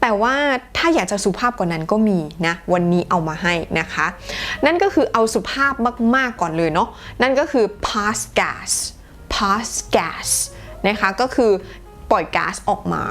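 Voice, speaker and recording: Giggly, slow-spoken woman teaching English. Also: medium pitch, huge pitch swings, fairly bright tone, faint music behind. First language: Thai. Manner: slow, careful model sentences, repeated twice, with frequent giggles. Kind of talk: casual English lesson in Thai.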